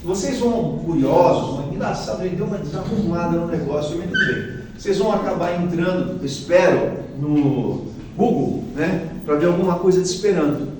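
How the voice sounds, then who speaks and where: A man's voice: a little high, moderate pace. A man with a Brazilian Portuguese accent giving a chatty, explanatory lecture with slides, often checking in with his audience. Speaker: guest lecturer. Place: large hall at a spiritist center. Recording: very echoey hall, voice far from the mic, faint noise.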